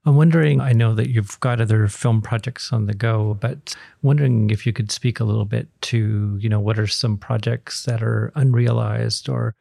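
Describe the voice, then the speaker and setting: A man's voice: on the low side, steady tone, normal speed, gravelly, hardly any pauses, dark tone, dry recording, clean studio sound. A man hosting an interview, asking long, winding questions full of "you know" and "I'm wondering". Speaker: interviewer host.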